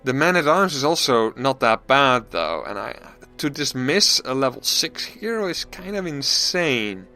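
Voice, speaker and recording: A man's voice: medium pitch, sing-song, measured pace, few pauses, bright, forceful tone, faint music behind. A man hosting a gaming channel, thinking aloud in casual let's-play commentary, self-deprecating and often restarting his sentences.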